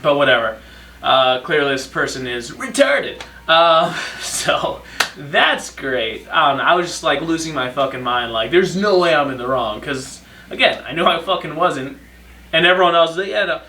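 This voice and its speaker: Lively, bright-voiced young man telling stories. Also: a little high, moderate pace, a little hiss or hum. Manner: sarcastic, profane, rambling. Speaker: podcast host. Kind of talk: casual storytime monologue. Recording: echoey room, distant mic.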